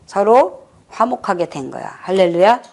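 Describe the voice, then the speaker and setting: A woman's voice: medium pitch, very animated, normal speed, creaky, darkish tone. A middle-aged woman pastor preaching a sermon, telling a story and acting out the people's words in it. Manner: storytelling preacher who acts out quoted dialogue. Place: prayer retreat hall.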